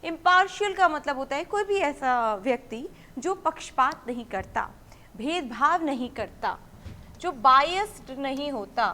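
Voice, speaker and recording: Teaching English vocabulary for an exam, a woman explains every word step by step and fields her own questions, reading the example sentences slowly and clearly. She has a high voice with lively intonation that sounds pushed and bright.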